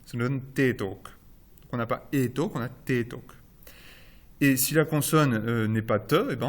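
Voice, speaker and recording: A male lecturer talks through a phonology lesson at a mid-range pitch. His delivery is patient and methodical, with frequent hesitations and restarts. He slows down whenever he spells out an example for his students. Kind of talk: recorded university lecture.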